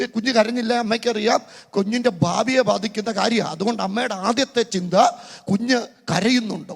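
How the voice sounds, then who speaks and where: A middle-aged man preaching a sermon as pastor, calling on the crowd to repeat lines in shouts. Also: very high-pitched, creaky. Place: large church conference hall. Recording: long reverb of a large hall.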